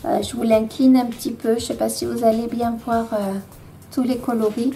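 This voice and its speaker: Femme française, voix douce et feutrée, musique légère. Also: female voice, fairly high pitch, little pitch movement, normal speed, creaky, mellow, faint music behind. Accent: French. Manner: hesitant, many fillers, self-deprecating. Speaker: vlogger showing her coloring books. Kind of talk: casual show-and-tell.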